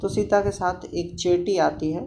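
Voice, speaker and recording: A man teaching a Sanskrit play, reading each line and then explaining it slowly in plain Hindi with many restarts. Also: sits high, steady tone, vocal fry, background noise.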